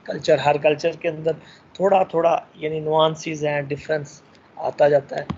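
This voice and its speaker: A man's voice: fairly high pitch, flat delivery, normal speed, a little mellow, slight background noise. Male teacher, recorded lecture, many fillers, muffled recording. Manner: lecturing with frequent fillers and English phrases.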